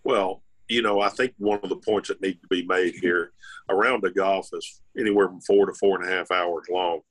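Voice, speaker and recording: A man's voice: deep voice, steady tone, moderate pace, fairly bright tone. An older man, a former tour golfer co-hosting a podcast, talking bluntly and instructively. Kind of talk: casual chat.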